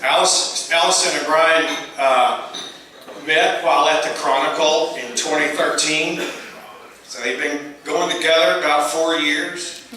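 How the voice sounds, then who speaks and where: A middle-aged man giving a father of the bride toast at a wedding, speaking haltingly in short phrases. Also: fairly high pitch, steady tone. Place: large room at a wedding reception. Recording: echoey, noisy reception room, far from mic.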